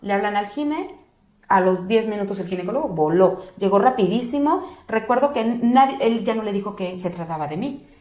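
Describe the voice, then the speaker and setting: A woman's voice: mid-range voice, moderate pace. A woman, a doula and interview guest, recounting a personal experience and acting out the other people's words. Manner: animated, acts out other people's words with a raised voice. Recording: roomy echo.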